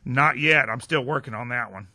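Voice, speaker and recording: A man's voice: mid-range voice, moderate pace, pushed and bright. Heated rambling man. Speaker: regular guest. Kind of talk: ranting talk-show chat. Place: TV studio.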